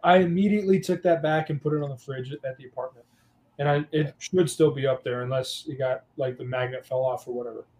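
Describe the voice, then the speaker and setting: A man's voice: mid-range voice, brisk. A young adult man, a guest on a casual podcast, telling teaching stories with lots of fillers. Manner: storytelling, animated, many fillers.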